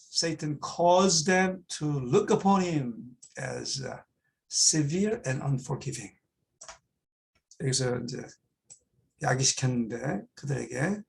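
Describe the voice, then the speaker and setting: Slow, gravelly male Bible teacher. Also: on the high side. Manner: reads English phrases slowly, then explains them in Korean; repeats key words for emphasis. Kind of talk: explaining an English text line by line.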